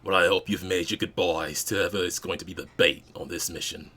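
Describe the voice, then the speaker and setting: Low, gruff older man, played by a male game master, blunt and menacing, a vengeful sci-fi tabletop veteran. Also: fairly even intonation, brisk, bright, forceful tone. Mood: grim.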